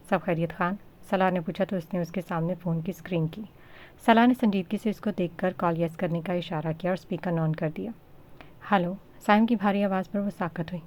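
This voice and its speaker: A woman narrating a romance novel as a steady, scripted audiobook reading. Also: on the low side. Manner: steady, storytelling.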